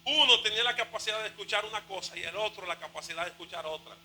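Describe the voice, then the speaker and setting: A male pastor preaching a fervent sermon, shouting and half-singing his phrases. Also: high voice, very fast, a little hiss or hum, low-quality recording.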